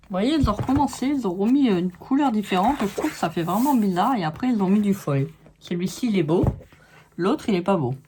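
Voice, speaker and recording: A woman chats on her own, showing craft papers and giving her blunt opinion on each one. Her voice sits at a middle pitch, with a faint hiss underneath the recording. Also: lively intonation, a little fast, mellow. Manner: chatty, frank opinions on each sheet, talks to viewers. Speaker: scrapbooking vlogger. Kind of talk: casual show-and-tell of paper pads.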